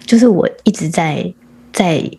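A woman's voice: on the low side, lively intonation, a little slow, warm tone, husky. A woman, telling a long story as a podcast guest in casual chat, often restarting her sentences.

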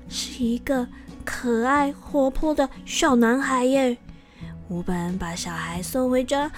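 A woman with a Taiwanese Mandarin accent narrating a folk tale for children in a lively, expressive way. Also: fairly high pitch. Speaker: storyteller.

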